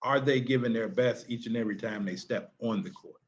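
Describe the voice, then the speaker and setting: A man's voice: mid-range voice, a little fast. A male basketball coach giving a casual, motivational talk to sports parents, repeating rhetorical questions for emphasis. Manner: casual, colloquial phrasing.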